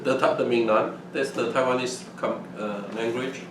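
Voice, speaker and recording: An older Hong Kong man whose first language is Fujianese (Minnan) casually recalls his early life in an oral history interview, with many restarts and repeated words. His mid-range voice is fairly even in intonation at a moderate pace, recorded in an echoey room from a distant mic with faint noise.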